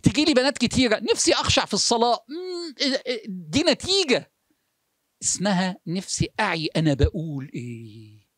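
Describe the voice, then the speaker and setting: A religious speaker with an Egyptian Arabic accent and a high-pitched voice with big pitch swings delivers a motivational sermon, firing rhetorical questions at the listener in quick succession. He shifts between urgent speech and hushed, slowed phrases for emphasis, recorded in studio quality with no echo.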